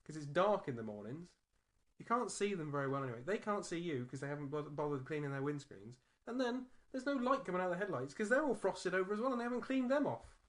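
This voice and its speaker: A man's voice: sits high, very animated, quick pace. A man co-hosting a podcast, chatting casually, laughing easily and airing petty gripes about drivers. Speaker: podcast co-host. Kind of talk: casual chat.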